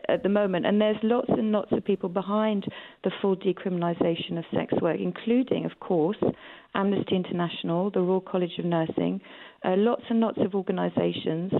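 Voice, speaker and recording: Over a phone-quality line, a woman with a mid-range voice and noticeable vocal fry speaks as an advocate on a radio interview. She is a campaigning guest who hits key words with emphasis.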